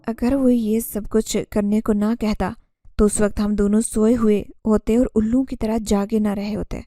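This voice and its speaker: Storyteller: woman, first-person horror narration, mellow and dry close sound. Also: medium pitch, little pitch movement, normal speed, no echo.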